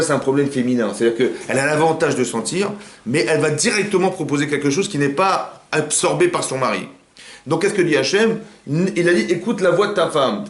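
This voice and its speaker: A man who is a rabbi giving an informal Torah class in a private home, talking quickly and firing rhetorical questions at his listeners. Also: a little high. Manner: rapid, animated, asks the audience rhetorical questions. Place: living room of a private home. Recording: roomy home recording.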